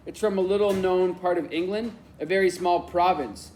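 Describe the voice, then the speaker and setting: A man's voice: high voice, normal speed, a little mellow, a little hiss or hum, voice pushed up, lightly acted. A man reading the lines of a wry, sarcastic girl of about twelve, answering in a dry manner.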